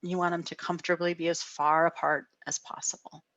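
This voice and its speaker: A middle-aged woman counselor giving a gentle guided wellness talk over a video call, often asking "right?". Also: lowish voice, little pitch movement, brisk, dry recording, muffled recording. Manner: gentle, frequent "right?" tags.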